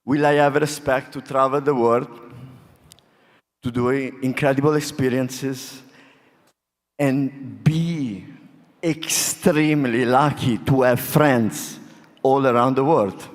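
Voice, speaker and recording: A man from Italy with an Italian accent, a native Italian speaker, giving an informal, heartfelt acceptance speech in a halting way. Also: medium pitch, steady tone. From small town in Italy. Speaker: award-winning bartender giving an acceptance speech. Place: on stage in a large hall. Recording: reverberant large hall PA sound.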